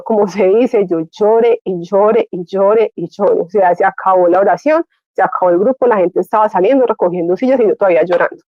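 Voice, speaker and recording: A woman tells her faith testimony as an animated story and plays out the voices of the people in it. Her voice sits at a middle pitch. The recording is dry and slightly dull. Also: dry recording. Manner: animated storytelling, acts out her own past words. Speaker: guest giving faith testimony. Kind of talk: personal testimony.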